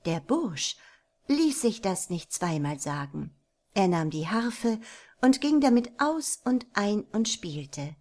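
A woman reading a folk tale aloud as a storyteller, narrating calmly and evenly. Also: medium pitch. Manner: calm, measured narration.

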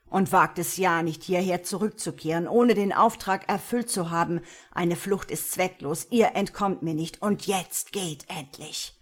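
A woman's voice: deep voice, steady tone, unhurried, hardly any pauses, breathy edge, full character voice. A woman voicing a ruthless male vampire prince who gives stern, threatening orders in an audiobook. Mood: roaring. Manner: stern, commanding, rising to shouting.

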